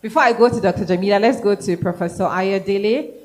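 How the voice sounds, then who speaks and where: A woman moderating a panel forum, brisk and directive as she passes the mic to guests. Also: mid-range voice, a little mellow, rough recording.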